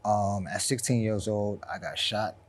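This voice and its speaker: Low-voiced guy from queens, soft reflective talk, lots of ums, forties. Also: fairly even intonation, unhurried. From South Jamaica, Queens, New York. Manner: reflective, soft-spoken, frequent ums and repeats. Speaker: guest. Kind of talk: candid interview.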